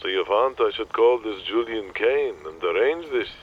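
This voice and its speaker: Older exasperated showbiz agent, low and dry, muffled lo-fi, played by a man. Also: moderate pace, a little hiss or hum, natural voice. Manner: dry, exasperated, Yiddish-flavored. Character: weary older male Hollywood talent agent.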